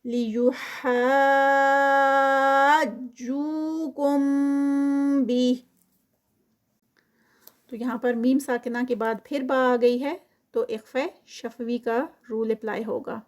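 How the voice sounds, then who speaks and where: A woman teaching Quran tajweed, reciting slowly and drawn out, then explaining quickly in mixed with English terms. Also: a little high, steady tone, a little mellow.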